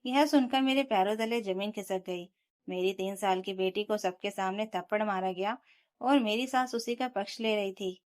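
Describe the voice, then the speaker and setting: Woman storyteller reading a dramatic family tale in first person, steady and emotional. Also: mid-range voice, moderate pace.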